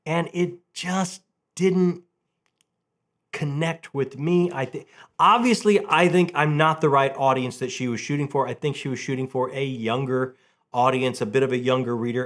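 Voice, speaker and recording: A middle-aged man with a medium-pitched, fairly bright voice chats about books on his review channel. His tone is casual and enthusiastic, and he repeats phrases for emphasis.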